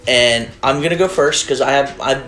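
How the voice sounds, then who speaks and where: A man's voice: mid-range voice, moderate pace, bright, forceful tone. A man hosting a casual group debate, whistling on his S sounds as he talks. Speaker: podcast host posing questions to a group. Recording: roomy echo, faint music behind.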